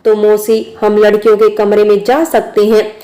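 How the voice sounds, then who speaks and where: A casual young man, read by a woman narrator jokes and reassures his friend. He speaks in a flat, even tone throughout this storybook reading. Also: mid-range voice, normal speed, close to an everyday voice, rough recording. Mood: coaxing. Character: easygoing young man, joking best friend.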